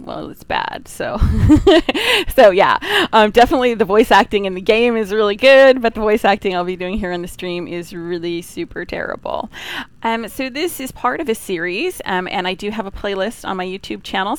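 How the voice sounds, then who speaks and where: A woman hosting a game livestream in casual, unscripted chat, talkative and self-deprecating, with a clear, smooth voice. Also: on the low side.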